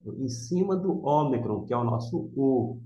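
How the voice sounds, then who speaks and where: A man teaching a vocabulary lesson from slides, explaining slowly step by step and repeating key words. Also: medium pitch, lively intonation, dark tone. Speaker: Greek teacher. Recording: roomy, dull lo-fi sound.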